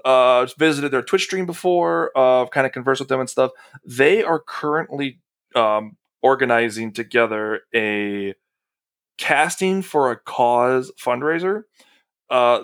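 A man's voice: medium pitch, vocal fry, a bit bright. A young man co-hosting a casual podcast, swearing freely and laughing as he tells stories. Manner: swearing, laughing, acts out a dog's thoughts in quotes. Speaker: podcast co-host.

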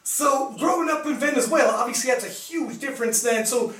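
A young host from Canada leads an easygoing live interview show, chattering, laughing often and leaning on fillers. His very high, slightly bright voice moves a little fast. He's far from the microphone, and the room sound comes through.

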